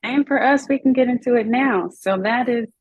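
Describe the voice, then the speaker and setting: A woman hosting a casual chat with her husband, adding quick interjections. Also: on the high side, breathy edge, narrow, tinny audio. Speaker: host.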